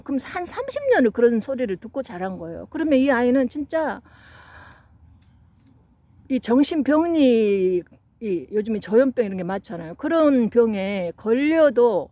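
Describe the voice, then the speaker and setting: A woman's voice: fairly high pitch, a little mellow, no room sound. A middle-aged woman giving a psychology lecture, telling stories in an earnest way and acting out what parents and children said. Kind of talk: lecture with anecdotes.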